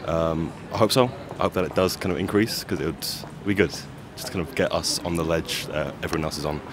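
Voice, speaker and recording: Deep-voiced young man, street noise. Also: fast. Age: young adult. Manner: thoughtful, a little tentative. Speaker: passer-by. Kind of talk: casual street interview. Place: busy city street outdoors.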